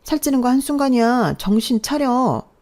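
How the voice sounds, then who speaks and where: A woman voicing a spoiled, bratty young woman announcer who whines and scolds her older sibling in a shrill voice. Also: animated, normal speed, darkish tone, lightly acted. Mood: scolding.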